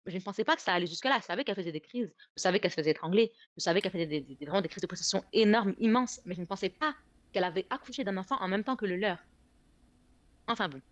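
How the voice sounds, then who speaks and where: A woman's voice: mid-range voice, racing, dry recording. A young woman telling a personal story on a livestream, emotional, repeating and restarting her words often. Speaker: guest storyteller.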